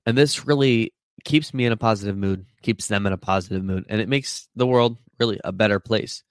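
A man's voice: on the low side, a little fast, clear, resonant tone, dry recording. A man with a stuffy nose hosting a casual motivational podcast, talking earnestly in a rambling way with lots of fillers. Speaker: podcast host.

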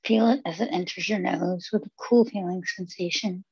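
A woman leading a guided meditation in a soft, husky voice, soothing and unhurried, with pauses between phrases. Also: fairly low pitch, fairly even intonation, dry recording, muffled recording.

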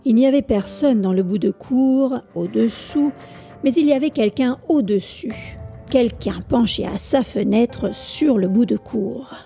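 A woman's voice: a little high, creaky, warm tone, faint music behind. A woman voicing a cocky young reporter. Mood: self-assured. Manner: unhurried, self-assured. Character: cocky young male reporter, calm and sure.

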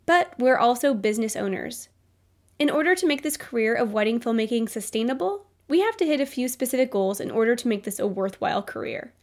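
A woman's voice: fairly high pitch, expressive, fairly quick. A young adult woman hosting a solo business podcast, upbeat and motivational, her voice nasal from a cold. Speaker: podcast host.

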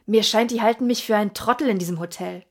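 A woman reading an audiobook, voicing a hot-tempered American baronet who is loud and furious, with a husky American-accented voice. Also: medium pitch, steady tone, moderate pace, natural voice.

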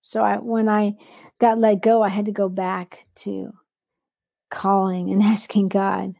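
A woman with a gravelly, fry-tinged voice and a warm, mellow tone speaks about faith and business in an earnest, conversational way. She often quotes scripture and sometimes stops to correct herself mid-sentence. The recording is dry and close, with no room sound. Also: mid-range voice, flat delivery, unhurried, no echo. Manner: restarts and self-corrections. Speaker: entrepreneur and devotional author. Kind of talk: faith-based conversational sharing.

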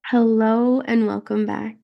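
A woman with a head cold hosts a motivational podcast, her voice nasal, raspy and gravelly with fry. She talks earnestly and directly, coaching her listeners through questions. Faint music sits behind her. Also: on the high side, level tone, unhurried, dull audio. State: getting over a head cold. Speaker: podcast host and fertility mindset coach.

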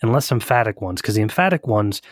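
A man's voice: on the low side, lively intonation, quick pace, no room sound, studio quality. A man co-hosting a podcast in casual chat, talking loosely with restarts and frequent laughs. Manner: chatty, rambling with restarts, laughs often. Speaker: podcast co-host.

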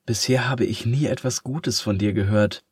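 A man doing a small, curious ink blot, high and eager. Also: normal speed, slightly rough, dry recording, clean studio sound. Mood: timid.

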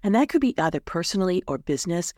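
A woman's voice: lowish voice, very animated, quick pace, a little mellow, no echo, studio quality. A woman hosting a solo advice podcast in an upbeat, tidy, encouraging manner, like a coach reading prepared tips. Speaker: astrology coach and podcast host.

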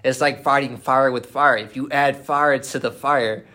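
A man as a guest in a casual discussion, calmly explaining his ideas step by step. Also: medium pitch, normal speed.

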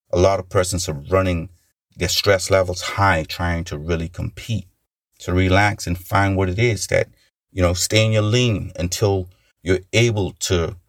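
A man talks through self-care and self-worth in an unscripted, encouraging way. He rambles, restarts sentences and fills gaps with "you know". The sound is dry and close, with no room echo. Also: low voice. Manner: earnest, encouraging. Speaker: motivational speaker. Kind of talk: unscripted motivational talk.

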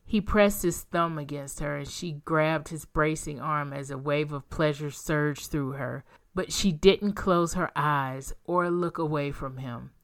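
A woman narrating a romance audiobook with a calm, even delivery. Her voice sits low, and she reads at an unhurried pace. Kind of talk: scripted narration.

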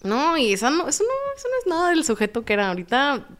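A woman with a Mexican accent, a podcast guest telling her own story in a lively way and acting out the dialogue. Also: high voice, fast. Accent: Mexican Spanish. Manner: animated, acts out quoted dialogue.

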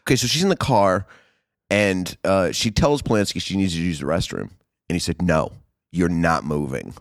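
A man hosting a podcast, telling a story in an animated, profane, chatty way. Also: low-pitched, fairly quick, no echo, studio quality. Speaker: podcast host. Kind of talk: casual podcast chat.

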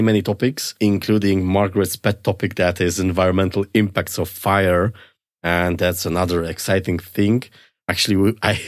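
A man's voice: low-pitched, no echo, studio quality. An upbeat, enthusiastic man speaking as the host of an interview podcast.

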